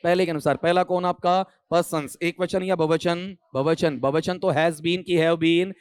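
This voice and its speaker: A man with a fairly high, steady voice speaks a little slowly, his tone clean and free of room sound. He's an English teacher running an online exam coaching lecture, explaining grammar in Hindi mixed with English terms and quizzing students with questions.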